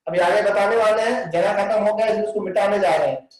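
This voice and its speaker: A male physics teacher giving a live online class, dictating slowly while writing on a board. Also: high-pitched. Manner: dictates slowly, mixing Hindi and English. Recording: very echoey room, distant mic.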